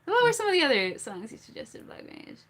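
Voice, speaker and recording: A woman's voice: extremely high pitch, wildly swooping pitch, a little fast, a bit bright. A woman hosting a casual livestream who laughs often, chats with viewers and tries tongue twisters. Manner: giggly, chatty, reads chat and tries tongue twisters. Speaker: livestream host. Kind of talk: casual livestream chat with singing.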